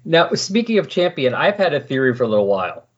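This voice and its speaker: This man discusses comic books with casual excitement, in the style of a podcast guest. His fairly high voice swings widely in pitch, has a breathy edge, and moves quickly. The recording is muffled and lo-fi.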